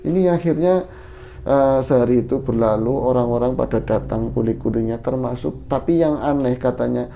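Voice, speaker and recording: A man's voice: mid-range voice, moderate pace, vocal fry, warm tone, slight background noise. A man hosting a horror podcast, telling a story and acting out the characters' lines in raised voices. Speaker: podcast host.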